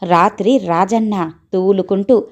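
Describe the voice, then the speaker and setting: A woman reading a family story aloud as a storyteller, with a steady, even delivery. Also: mid-range voice, unhurried.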